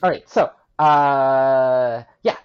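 A man chatting casually among friends, breaking into a playful mock sales pitch and laughing through his words. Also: very slow, clean tone, muffled recording. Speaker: guest.

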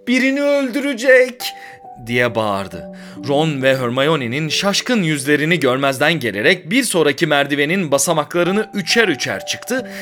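A male podcast host reads a story with dramatic flair. His pitch rises and falls a lot as he builds tension, and he voices the characters' lines. Faint music plays underneath. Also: pushed and bright. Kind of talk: dramatic audiobook reading.

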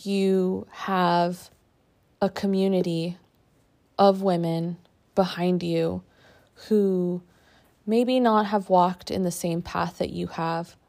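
A woman podcast host and coach giving a reflective personal monologue in short, halting phrases. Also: lowish voice, fairly even intonation, vocal fry, darkish tone.

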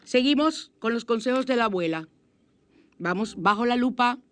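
Chatty, animated woman radio host. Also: on the high side, normal speed. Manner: animated, chatty, expressive with sudden exclamations. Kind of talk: spiritual self-help radio talk. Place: radio studio.

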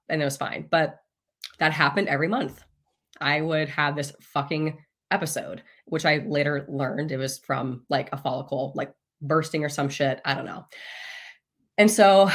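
A woman's voice: sits low, fairly bright tone. A woman in her thirties, a podcast guest, telling a personal story in a candid, casual way, swearing freely and laughing often.

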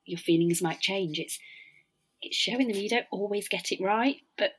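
A woman, around her thirties, hosting a reflective interview in a croaky, husky voice left by a cough. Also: mid-range voice, normal speed, poor audio. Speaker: podcast host.

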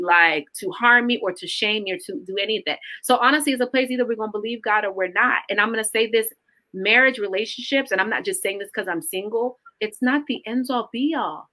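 A woman speaking as a podcast guest in casual faith talk, earnest and emphatic. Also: medium pitch. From Caribbean roots. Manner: earnest, emphatic, animated storytelling.

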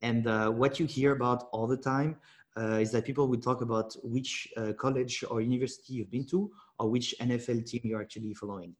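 A man's voice: medium pitch, fairly even intonation. Hesitant male podcast host. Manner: halting, filler-heavy questions. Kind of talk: podcast interview.

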